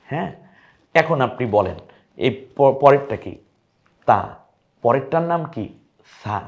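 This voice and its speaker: A man's voice: medium pitch, expressive, slow pace, a little mellow. Man teaching Arabic letters on a dull recording. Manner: coaxing, repeats letter names for viewers to echo. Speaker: Quran teacher.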